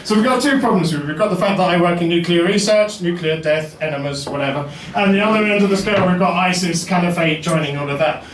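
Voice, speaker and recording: A man's voice: sits high, fast, hardly any pauses, far from the mic, slight background noise. A man performing a wry, self-deprecating stand-up comedy set in a basement comedy venue. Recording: roomy echo, mic heard from afar.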